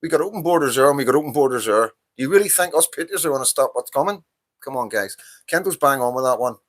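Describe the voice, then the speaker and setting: He hosts a livestream, speaking quickly in a medium-pitched, slightly bright voice with lively intonation. The Northern Irish man in his fifties rants about politics in a casual, passionate monologue, swearing and going over the same points.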